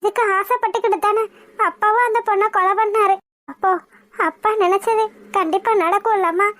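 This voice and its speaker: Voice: very high voice, steady tone, fairly quick, fairly bright tone, no echo, studio quality. A performer voicing a grieving, devout young woman in a cartoon drama, pleading with god in anguish. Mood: sorrowful.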